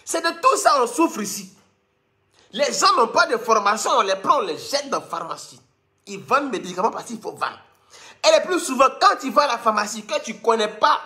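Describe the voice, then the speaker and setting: A man with a Cameroonian French accent delivering a mocking, scolding comic rant to his viewers, with sudden squeaky jumps. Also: sharp tone. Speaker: online commentator.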